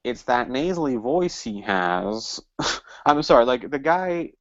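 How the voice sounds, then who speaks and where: A man being interviewed on a podcast, talking in emphatic, animated bursts. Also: medium pitch, slow pace, dry recording. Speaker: guest, party office candidate. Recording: dull lo-fi dry sound.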